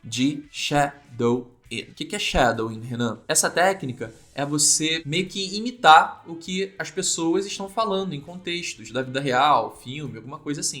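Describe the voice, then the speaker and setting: A man with a Brazilian accent teaching English at a whiteboard in an energetic video lesson, talking in a lively, animated way. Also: on the high side. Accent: Brazilian Portuguese. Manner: lively, animated, voices mock student questions. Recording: echoey room with faint music.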